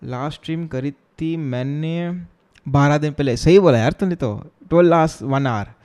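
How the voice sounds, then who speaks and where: A man's voice: a little high, normal speed, darkish tone. A young man from Chennai chatting casually on a coding live stream, joking with viewers and mixing Hindi with English tech terms. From Chennai, India. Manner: chatty and joking, reading viewer chat aloud and answering it.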